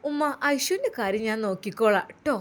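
A woman voicing a gentle young mother and bride with a Malappuram accent, speaking softly and tenderly. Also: on the high side, big pitch swings, fast talker, voice pushed down. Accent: Malappuram Malayalam. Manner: soft, hushed, tender.

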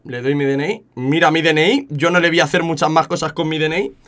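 A young man with an accent from Spain, telling a story casually to his chat, animated and often repeating words. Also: a little high, fast. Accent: Spain Spanish. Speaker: streamer.

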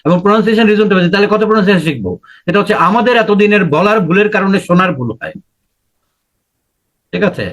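A man with a Bangladeshi accent teaching an English listening class, drilling words by saying them slowly again and again. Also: sits high, animated, fairly bright tone. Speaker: IELTS teacher. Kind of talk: classroom lesson.

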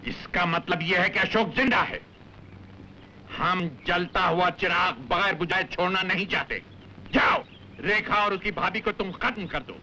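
Bossy villain dad, gruff, bright edgy voice, faint hiss. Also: male voice, high-pitched, measured pace, exaggerated voice, low-quality recording. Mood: menacing. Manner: gruff, commanding. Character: scheming villain father, cold boss. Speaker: actor in a 1970s Hindi film. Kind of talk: 1970s Hindi film acting.

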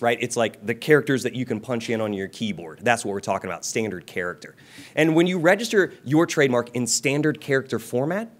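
Chatty man giving a live workshop talk. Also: medium pitch. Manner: chatty and informal, checking in with "okay?" and "right?"; laughs often and jokes. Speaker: presenter at a trademark workshop.

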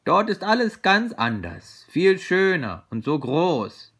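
A man voicing a calm, capable young male bear in a read-aloud children's story, with a gentle, reassuring manner. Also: high voice, takes it slowly, breathy edge, pitched above the performer's own voice, exaggerated voice. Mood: dreamy.

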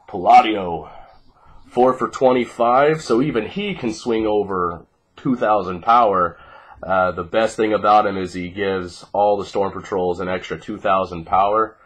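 Here a twenty-something card player, groggy and stuffed up from a cold, walks through his deck with relaxed, profanity-laced ease. His voice sits lowish, moves a little slowly, and carries a breathy edge. The setting is a small living room at home, captured on a noisy webcam that picks up clicks.

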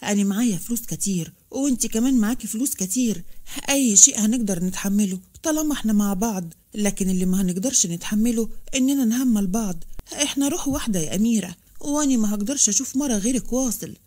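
A woman's voice: medium pitch, lively intonation, fast, mellow, lightly acted. A woman voicing a defiant young Upper Egyptian husband. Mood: protesting. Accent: Upper Egyptian Arabic. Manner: pleading, protesting.

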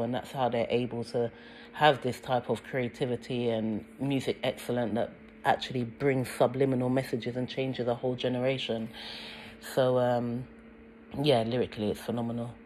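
A British-accented commentator talks over a music video in an earnest, insistent way, often stumbling over ums and repeated words. The voice sits at a middle pitch. A faint noise hangs under the talk. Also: a little mellow, rough recording.

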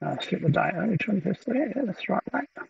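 A man's voice: sits high, sing-song, fairly quick, creaky, breathy edge, dry recording. A man giving a casual gear review from his workshop, hesitant and full of ums and restarts. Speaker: tech reviewer. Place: home workshop with 3D printers running. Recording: muffled, mic a bit far off.

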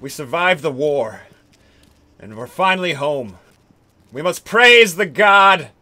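A man playing a brash, excitable soldier in a comic game role-play, melodramatic and given to grand declarations. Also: fairly high pitch, slow pace, exaggerated voice. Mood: grandly declaiming. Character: brash, excitable young male soldier, war veteran.

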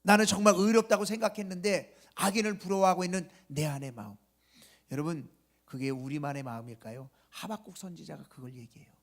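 This is a sermon from a male pastor at an early morning service, spoken at a brisk pace in a fairly high voice. He asks the congregation rhetorical questions and lets his forceful delivery fade to a whisper at the close of each phrase.

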